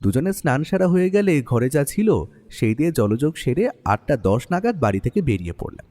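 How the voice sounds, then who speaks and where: A man plays an easygoing writer who is the detective's companion, narrating a Bengali audio mystery in the first person with expressive storytelling. His pitch is fairly high, his pace brisk, and his mood reflective.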